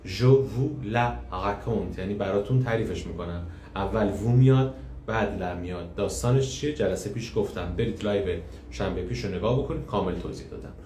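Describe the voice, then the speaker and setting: A man's voice: low-pitched, dark tone. A man teaching French in a live online class, patiently explaining and repeating each phrase. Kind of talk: live online language lesson. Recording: echoey room, faint hiss.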